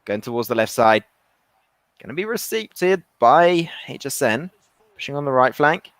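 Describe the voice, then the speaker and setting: A man doing excitable play-by-play commentary on an esports football match, often restarting his sentences. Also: mid-range voice, no room sound. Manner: rapid, excitable calls with frequent restarts.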